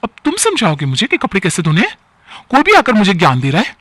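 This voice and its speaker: A man's voice: high-pitched, huge pitch swings, fast talker, fairly bright tone, no room sound, pitched above the performer's own voice, heavily acted. A man doing an irritable, headstrong young wife. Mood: defiant. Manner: sulky, complaining.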